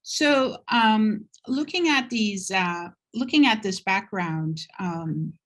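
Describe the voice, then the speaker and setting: A middle-aged woman from Turkey giving a slide presentation at a university talk, speaking in an unhurried, thoughtful way with frequent ums. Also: medium pitch, lively intonation.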